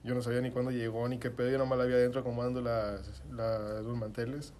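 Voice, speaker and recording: A man's voice: medium pitch, little pitch movement, fast talker, slight background noise. A young man with a Mexican accent telling a story to friends in casual, slangy chat full of swearing. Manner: slangy, swearing, acts out his own shouting in quotes.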